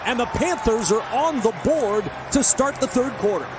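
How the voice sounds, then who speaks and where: An American man doing live football play-by-play, with excited touchdown calls that rise to a shout. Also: very high voice, moderate pace. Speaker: play-by-play announcer. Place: stadium broadcast booth. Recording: loud stadium crowd noise throughout. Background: roaring stadium crowd.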